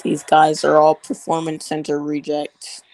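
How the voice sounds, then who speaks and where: Panelist, wisecracking, gravelly fry in the voice, casual chat. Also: medium pitch, completely flat delivery, measured pace, a little mellow, faint music behind, rough recording. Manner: joking, wisecracking. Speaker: wrestling watch-along panelist.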